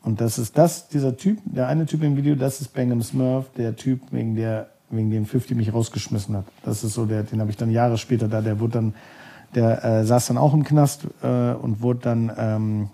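A man's voice: medium pitch, steady tone, moderate pace, vocal fry, dark tone. A man from Germany, a podcast guest, telling stories casually and rambling, often searching for words with many fillers. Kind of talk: casual storytelling.

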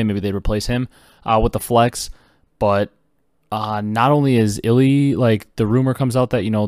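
Excited young man rambling fast, low voice. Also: no room sound, studio quality. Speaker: podcast host. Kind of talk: casual esports news commentary.

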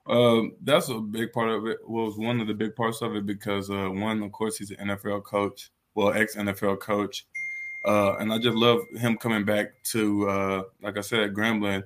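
Being interviewed, this American college football player in his twenties keeps things candid and conversational, with frequent "you know"s. He speaks at a moderate pace in a fairly low, level voice, and there's slight background noise.

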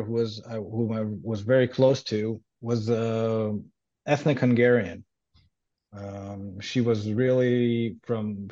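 An Israeli man whose first language is Hebrew, a translator appearing as a guest, speaks casually in an interview with a mellow, medium-pitched voice. He's hesitant, with many ums and restarts, and the sound is lo-fi.

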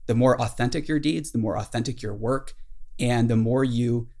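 A man's voice: medium pitch, normal speed, mellow. A man hosting a podcast, retelling a classic novel in a casual, enthusiastic way with many fillers. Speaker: podcast host.

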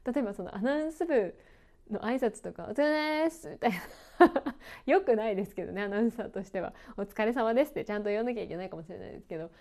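Mellow-voiced woman in a relaxed podcast chat. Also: mid-range voice, fast, vocal fry. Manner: chatty, self-deprecating, laughs often. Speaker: podcast host and announcer.

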